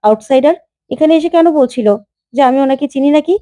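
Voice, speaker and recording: A woman's voice: sits high, fast, mellow, no echo, studio quality, lightly acted. A woman voicing a confused young husband recovering in hospital, speaking in a bewildered, pleading way.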